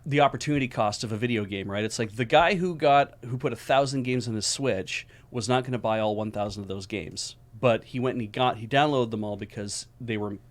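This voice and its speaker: A man's voice: medium pitch, brisk, few pauses. Rambling middle-aged man in casual chat. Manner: rambling, explains with everyday examples. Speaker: co-host. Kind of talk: casual discussion.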